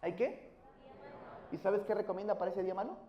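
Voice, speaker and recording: A male pastor preaching a sermon, quizzing the congregation and rising to shouted praise. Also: high voice, brisk, muffled recording. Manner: asks the congregation questions and builds to shouted praise. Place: church hall. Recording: roomy church echo.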